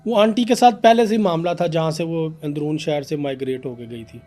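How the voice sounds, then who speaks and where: A young man, a podcast guest telling an animated story about a paranormal case. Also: on the high side, fairly quick, faint music behind. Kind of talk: casual storytelling in a podcast interview.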